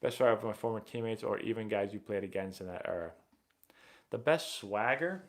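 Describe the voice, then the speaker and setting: A rambling, excitable man hosts a live baseball Q&A stream, casually chatting as he answers viewer questions. He talks briskly in a lowish voice, full of fillers and restarts.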